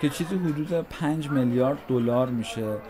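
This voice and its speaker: As he walks through city streets, a man from Iran in his 30s offers outdoor walking tour commentary in a conversational, reflective and nostalgic way. His voice sits at medium pitch, and traffic, a crowd and street noise are clearly audible behind him.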